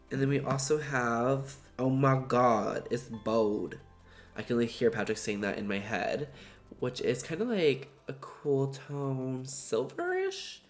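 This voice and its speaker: A man with a stuffed-up, nasal voice, chatting in a gushing, slangy way as he reviews makeup in a vlog. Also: mid-range voice. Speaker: beauty vlogger.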